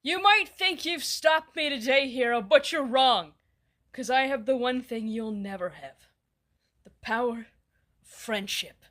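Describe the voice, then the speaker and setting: A woman voicing a smug, theatrical female villain who drags out her gloating lines slowly. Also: a little high, expressive. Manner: slow, drawn-out gloating delivery.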